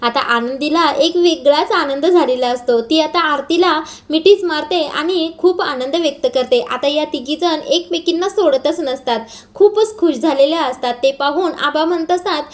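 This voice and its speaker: Woman, episode recap narration, high pitch, steady storyteller. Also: normal speed. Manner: steady storytelling, starts lines with "now".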